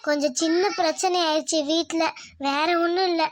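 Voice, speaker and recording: A woman's voice: very high-pitched, steady tone, normal speed, pitched below the performer's own voice. A woman voicing a caring middle-aged village mother in a cartoon, fussing and welcoming.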